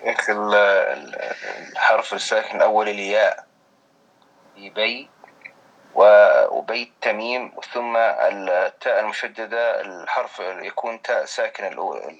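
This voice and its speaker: A male student answering in class, halting and explaining step by step. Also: on the low side, a bit bright, dull audio.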